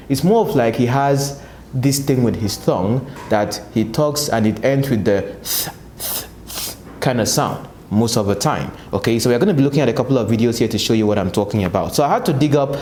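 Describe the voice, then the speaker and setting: A Nigerian political analyst who hosts a channel delivers commentary to camera, posing rhetorical questions to his viewers and answering them himself. His voice is medium-pitched and a little mellow. The room is echoey, with a slight hiss or hum.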